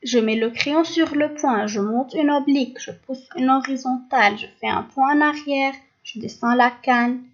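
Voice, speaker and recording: A woman teacher with a Lebanese French accent, giving a phonics lesson and pronouncing each sound and syllable very slowly and clearly. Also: high-pitched. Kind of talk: recorded phonics lesson for young pupils. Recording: dull lo-fi recording.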